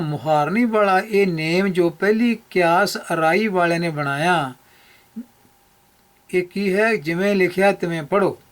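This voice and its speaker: A man explaining scripture pronunciation rules over slides, methodical and repeating key points for emphasis. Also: high voice. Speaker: Gurbani pronunciation teacher.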